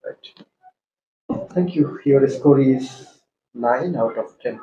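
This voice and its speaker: A Bangladeshi man, an English teacher, testing students' speaking and explaining to viewers, mixing Bengali and English in a calm questioning way. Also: mid-range voice, very slow, narrow, tinny audio, a little hiss or hum. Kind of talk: oral test and explanation to viewers. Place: classroom. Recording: echoey classroom with faint ambience.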